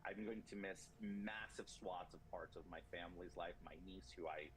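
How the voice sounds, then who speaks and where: Low-voiced man in his thirties, halting. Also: fairly bright tone, a little hiss or hum, rough recording. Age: 30s. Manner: halting, repeats words, earnest. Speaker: interview guest. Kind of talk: emotional interview answers.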